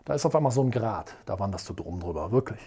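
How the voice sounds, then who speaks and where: A motivational coach teaches at a whiteboard and keeps repeating rhetorical questions with emphasis. The delivery is animated, and the pitch swings widely. The voice is husky and warm. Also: quick pace. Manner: tells stories in a lively, dramatic way. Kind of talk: motivational video lesson at a whiteboard.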